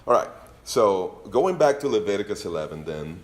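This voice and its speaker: A Venezuelan man with a Spanish accent teaches scripture to his congregation in a loose, joking sermon. His low voice swings widely in pitch at a moderate pace, and the room is echoey.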